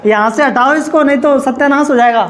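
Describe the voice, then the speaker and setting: A man's voice: extremely high pitch, a little fast, fairly bright tone, poor audio. A male teacher giving a classroom lecture, sure of himself and emphatic, often checking in with his students. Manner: emphatic, keeps asking "ठीक है?" to check with students; self-assured, insists others taught it wrong.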